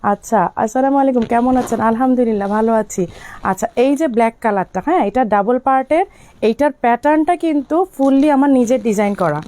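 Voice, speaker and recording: A young woman from Bangladesh, slightly hoarse and coughing from illness, chatting with viewers as she sells on a live stream and answers their comments. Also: on the high side, dark tone. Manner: speaks slowly to spare her voice. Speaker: online shop owner selling on a live stream. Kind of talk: live-stream sales talk.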